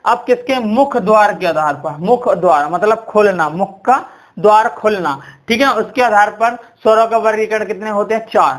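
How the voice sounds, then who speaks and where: Guy with a high voice running a grammar class, keeps quizzing and saying "theek hai". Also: moderate pace. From India. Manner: repetitive, quizzing with "ठीक है" and "कितने होते हैं?". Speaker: teacher.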